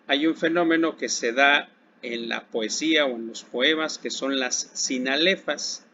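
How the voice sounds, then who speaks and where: A man with a Mexican accent teaching a recorded Spanish lesson to secondary school students. He speaks slowly and deliberately, asking a question and then answering it himself. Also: medium pitch, creaky, sharp tone. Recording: dull lo-fi recording with faint background hiss.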